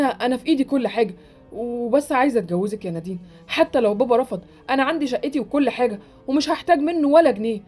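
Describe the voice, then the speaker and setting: A woman's voice: a little high, darkish tone, slightly rough. A woman voicing an earnest, lovesick young man in an Egyptian Arabic Roblox drama, who speaks in a pleading way.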